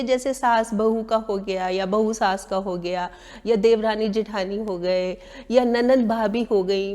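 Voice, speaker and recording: A woman's voice: high-pitched, mellow, in a large hall. A woman giving everyday advice on manners to her viewers, explaining her points and briefly acting out the rude, taunting voices of other people. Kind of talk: talking to camera.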